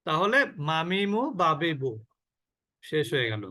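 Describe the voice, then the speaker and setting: High-voiced man teaching recitation. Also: expressive, sharp tone. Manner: slow drawn-out demonstrations of sounds, asks the class questions. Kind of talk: online tajweed class.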